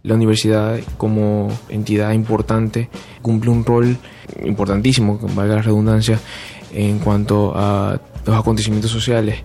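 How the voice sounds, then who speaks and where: A young man from Venezuela, a medical student, answering haltingly in an interview with many restarts. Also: lowish voice, monotone, warm tone, soft background music. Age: young adult. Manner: halting, with repeats.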